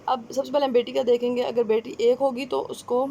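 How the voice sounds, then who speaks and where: A woman with a Pakistani Urdu accent giving a conversational exam-prep lecture, often pausing with fillers and checking-in tags. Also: fairly high pitch, little pitch movement, gravelly, dark tone, dull audio, a little hiss or hum. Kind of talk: explanatory lecture.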